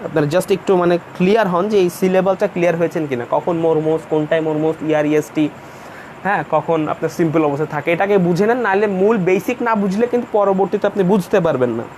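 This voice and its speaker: A man's voice: high-pitched, fast talker, darkish tone, slight background noise. A man teaching an English grammar class in Bengali, explaining patiently and going over each point again. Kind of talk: online class lecture.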